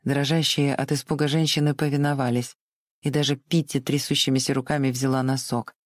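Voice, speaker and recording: Measured audiobook narrator, dry sound. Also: medium pitch, flat delivery, dry recording. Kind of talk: literary narration.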